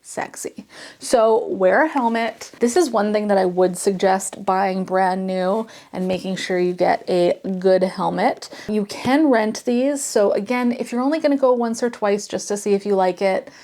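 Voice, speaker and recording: Woman host for a beginner how-to vlog. Mid-pitched, casual, reassuring, plain-spoken and encouraging. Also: moderate pace, few pauses, darkish tone. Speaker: host giving beginner ski tips. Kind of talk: casual instructional vlog to camera.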